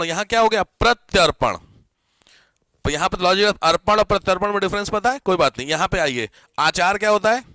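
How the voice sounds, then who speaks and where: A man with a high, bright voice teaches a grammar lesson to a class. He keeps asking whether everyone has understood and repeats key words slowly for dictation. The sound is close and dry. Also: no room sound. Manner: keeps checking if students follow, mixes English words into Hindi.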